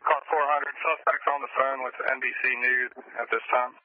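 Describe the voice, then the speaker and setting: A man's voice: medium pitch, flat delivery, a little fast. Man's clipped call-outs over walkie talkie. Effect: over walkie talkie radio. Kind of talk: terse police radio codes. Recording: tinny narrow-band radio with faint hiss.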